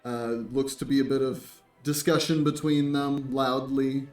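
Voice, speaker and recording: Unhurried man running a tabletop game. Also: medium pitch, level tone, darkish tone, soft background music. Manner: unhurried, laughing narration. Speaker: game master. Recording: echoey room, mic far off.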